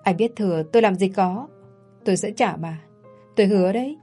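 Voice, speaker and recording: A woman's voice: medium pitch, fairly quick, warm tone, slightly rough, faint music behind, close to an everyday voice. A woman voicing a timid young maid from the countryside, polite and pleading.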